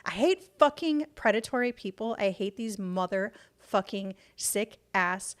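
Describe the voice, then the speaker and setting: A woman's voice: medium pitch, animated, unhurried. A woman streamer reacting to the day's news in casual chat, rambling and swearing heavily whenever she gets passionate. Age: adult parent. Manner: rambling, heavy swearing, fired-up rants.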